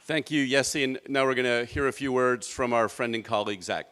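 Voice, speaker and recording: A man's voice: medium pitch, fairly even intonation, fairly quick, crowd noise, noisy background. A man acting as emcee at a press event, formally and graciously introducing the speakers.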